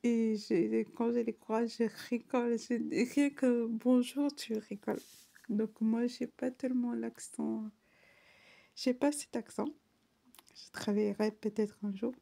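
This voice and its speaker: A woman reads dictionary entries aloud in a slow, unhurried way, often slipping into an unvoiced whisper. Her voice sits a little high. The tone is dark and mellow. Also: level tone, vocal fry.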